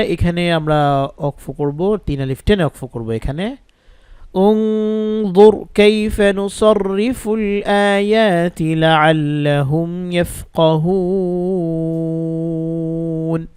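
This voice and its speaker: A man's voice: fairly high pitch, a little mellow, clean tone, no room sound, clean studio sound. A man teaching Quran reading in a lesson, patiently spelling out letters and vowel marks one by one. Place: indoors, rain audible outside.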